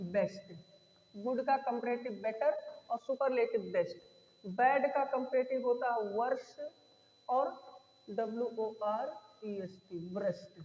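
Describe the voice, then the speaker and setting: A high-voiced woman teaching English grammar in Hindi. She repeats each point and speaks to her students warmly, calling them "beta". She is recorded in an echoey room with a long reverb. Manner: slows to spell out words.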